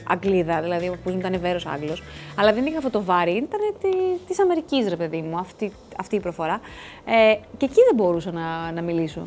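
A woman hosting a TV show, talking casually to the camera in a rambling way, full of asides and restarts. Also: medium pitch. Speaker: TV show host. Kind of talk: casual studio chat to camera. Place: TV studio.

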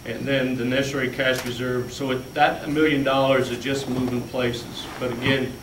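In a flat, medium-pitched voice at normal speed, a school business official presents budget figures to the school board, plainly going through each handout in turn. The large meeting room was recorded from afar on a room camera, leaving echo and a faint hum.

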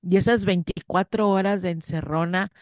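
A woman's voice: lowish voice, steady tone, normal speed, darkish tone, no echo, clean studio sound. A woman, a guest in an interview, earnestly telling a personal story and acting out her own past words. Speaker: interview guest, spiritual course teacher.

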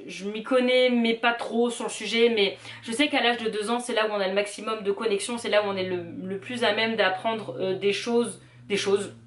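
A woman in her thirties, talking earnestly and casually to viewers, with lots of fillers and restarts. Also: fairly high pitch. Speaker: vlogger. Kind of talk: casual advice vlog. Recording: roomy echoey home room.

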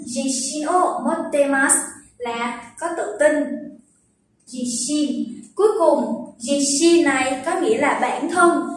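A young woman teaching Japanese vocabulary, patiently explaining and slowly repeating words to show their pitch accent. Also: slight background noise. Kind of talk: vocabulary lesson. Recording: very echoey room, distant from the mic.

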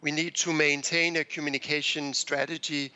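Danish-accented expert guest, fifties, headset video call, halting and measured delivery, sharp tone. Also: male voice, on the high side, little pitch movement, clean tone, rough recording. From Denmark. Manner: measured, hesitant with many fillers. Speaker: public health expert guest. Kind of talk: remote news interview. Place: small home office indoors. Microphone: headset mic on a video call.

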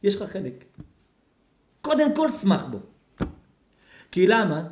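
A man, a rabbi, giving a sermon to a congregation, dramatic and swinging from loud outbursts to near-whispers. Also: sits high, big pitch swings. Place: community lecture hall. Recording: echoey hall.

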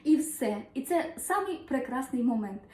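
Ukrainian woman rambling self-help talk, high mellow voice, lots of fillers, echoey room. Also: normal speed. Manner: chatty, lively, many fillers and acted-out asides. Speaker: numerologist and self-help vlogger. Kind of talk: casual motivational monologue.

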